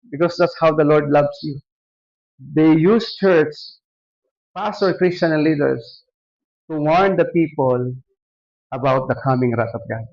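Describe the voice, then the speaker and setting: A Filipino man preaching a sermon. His voice sits fairly high and has a gravelly edge. The recording sounds dull and lo-fi. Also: a little mellow. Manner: switching between Tagalog and English, preaching with questions to the congregation. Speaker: pastor.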